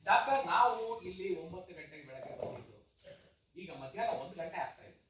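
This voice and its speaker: A man's voice: fairly high pitch, fairly quick, close to an everyday voice. A man acting a frustrated, earnest father who speaks emphatically in a stage play. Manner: emphatic, pleading. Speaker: father of a deaf child. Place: stage in a hall. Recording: echoey hall from far off, faint hiss.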